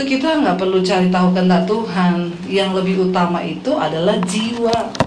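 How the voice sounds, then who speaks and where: A middle-aged woman pastor with an Indonesian accent, preaching a lively, humorous sermon full of stories and questions to the congregation. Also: medium pitch. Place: church hall. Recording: echoey hall with faint noise.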